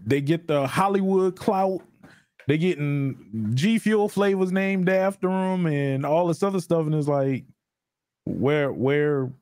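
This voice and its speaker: Animated man on a dry podcast mic. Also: on the high side, no echo. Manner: animated, acts out quoted voices, laughs often. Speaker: podcast guest, streamer. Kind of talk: casual podcast chat.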